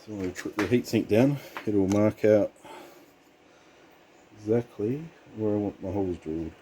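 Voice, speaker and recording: Australian man, laid-back tradie vlogger, low-pitched, casual workshop talk, slight background noise and clicks. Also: normal speed, warm tone. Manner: laid-back Aussie tradesman, muttering to himself as he works. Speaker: vlogger doing a DIY hardware modification. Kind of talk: casual hands-on workshop commentary. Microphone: handheld camera.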